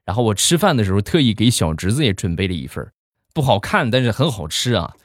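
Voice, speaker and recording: A man's voice: lowish voice, quick pace, no echo, studio quality. A man hosting a show, telling comic stories in a chatty way. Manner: chatty, animated. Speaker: joke-telling host. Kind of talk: comic storytelling.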